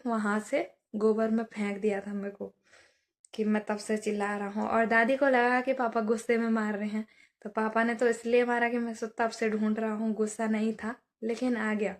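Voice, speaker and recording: Young woman, casual storyteller, slightly high voice, flat delivery, chatty asides. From Uttarakhand hills. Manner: chatty, many fillers and "है ना" asides. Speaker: vlogger.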